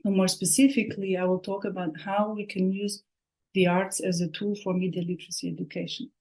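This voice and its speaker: A woman from Austria giving a prepared online talk as a researcher, speaking thoughtfully and often pausing on fillers and restarts. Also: medium pitch, flat delivery, mellow, rough recording.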